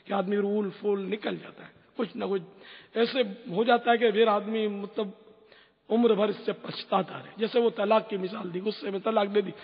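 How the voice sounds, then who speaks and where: A middle-aged man answers religious questions, telling stories punctuated by earnest exclamations. His voice is high and a little husky. The lo-fi recording rings with a long hall echo.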